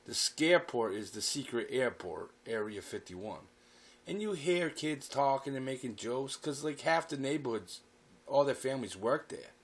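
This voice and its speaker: A man's voice: mid-range voice, moderate pace, breathy edge. A man telling a personal anecdote, swearing freely as he goes. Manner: profane, animated storytelling. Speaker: storyteller.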